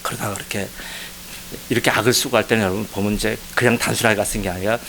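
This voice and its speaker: A man pastor preaching a sermon as a personal testimony, his voice shifting from hushed reflection to loud, pleading cries. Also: fairly low pitch, steady tone, very fast, a little hiss or hum, poor audio. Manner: emotional testimony, swings from quiet to loud pleading. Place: church sanctuary.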